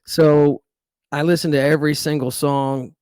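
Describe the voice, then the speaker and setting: A middle-aged musician from Dallas, Texas, speaking with a Texan accent, is an easygoing interview guest who rambles with fillers and restarts in a casual chat. His delivery is flat at normal speed, in a voice on the high side that sounds a little mellow, clear, and resonant, with no room sound.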